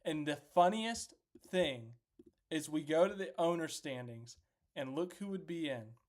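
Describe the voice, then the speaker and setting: Guy doing a racing recap stream, kinda high voice, chatty, jokes at himself. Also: expressive, measured pace. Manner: chatty, self-deprecating, reacts out loud while clicking through screens. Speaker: host of a racing recap livestream. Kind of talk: casual live-stream commentary.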